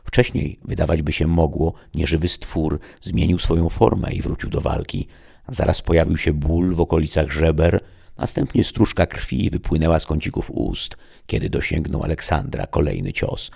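Very deep gravelly male narrator. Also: normal speed. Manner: steady dramatic storytelling. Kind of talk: audiobook narration.

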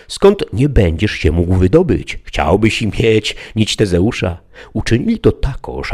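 A man's voice: deep voice, darkish tone. A man reading the part of a proud, deluded knight-errant who speaks in lofty, archaic, declaiming sentences. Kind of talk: audiobook character reading.

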